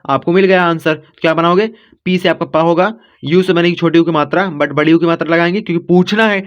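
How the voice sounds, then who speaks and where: A man's voice: high-pitched, lo-fi sound. A man giving a casual spoken lesson to children, reassuring and repetitive, often checking with "okay". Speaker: teacher.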